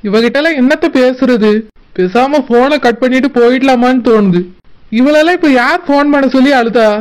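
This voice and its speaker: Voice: mid-range voice, clean tone, lightly acted, poor audio. A voice actor playing a deceitful young man in a cartoon who sweet-talks his girlfriend and sneers at her in asides. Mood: sneering. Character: deceitful young man, two-faced lover. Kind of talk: cartoon voice acting.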